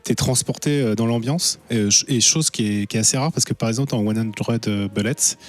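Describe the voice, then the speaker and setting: A man's voice: medium pitch, fairly quick. A man reviewing comics on a podcast, casual and slangy, enthusiastic and repeating words. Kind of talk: casual chat.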